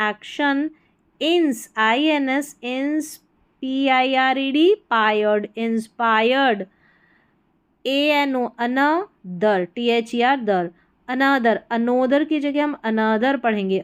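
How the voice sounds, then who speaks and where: A woman's voice: sits high, clear, resonant tone. A young Indian woman teaching English reading, spelling each word letter by letter before saying it, with an Indian accent. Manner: spells words letter by letter, then says them in Hindi-accented English. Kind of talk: slow spelling-out reading lesson.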